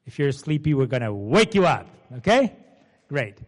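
A man in his forties with a Portuguese accent gives an informal seminar talk, chatting easily and often asking the audience to confirm what he says. His mid-range voice swings widely in pitch at a normal speed. The seminar room adds a long hall reverb.

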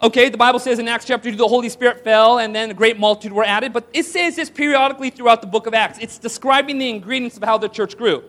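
A man's voice: very high-pitched, fast, hardly any pauses, a bit bright. A man preaching a sermon to a congregation, asking rhetorical questions and calling for responses. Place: church hall with audience.

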